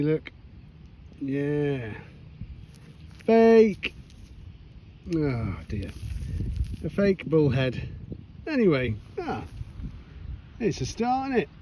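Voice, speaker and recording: A man chatting casually to camera as he metal detects in a pasture field, self-deprecating and quick to exclaim. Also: a little high, dull audio, slight background noise. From United Kingdom. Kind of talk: casual self-filmed commentary. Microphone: chest cam or handheld camera.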